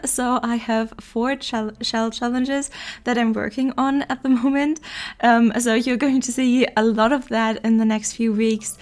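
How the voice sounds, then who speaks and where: A young woman in her twenties chatting in a casual voiceover, her voice nasal and congested from allergies, laughing often between words. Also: a little high. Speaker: game building content creator.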